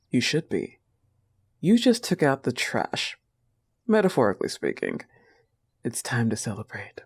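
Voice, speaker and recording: In an intimate audio roleplay, a man with a mid-range voice plays a young goth wolf girlfriend who is possessive but tender, speaking softly.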